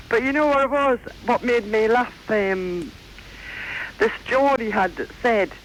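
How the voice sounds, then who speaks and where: Woman radio caller, about fifty, high-pitched, hesitant and rambling, faint hiss. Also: slow pace, poor audio. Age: around 50. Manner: rambling and hesitant, many fillers. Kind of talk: radio phone-in chat.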